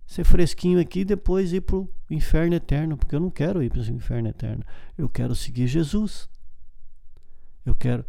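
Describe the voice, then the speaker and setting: A man's voice: on the high side, creaky, dark tone, no room sound, clean studio sound. A man preaching an informal evangelical sermon, urging listeners with repeated phrases and frequent tag questions. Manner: exhorting, repetitive, asks "né?" and "tá?" often.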